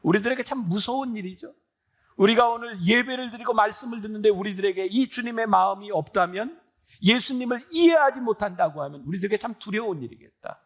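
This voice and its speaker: A man's voice: high-pitched, animated, a little fast. A pastor in his sixties preaching a sermon in an earnest, conversational way, often asking the congregation questions. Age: 60s.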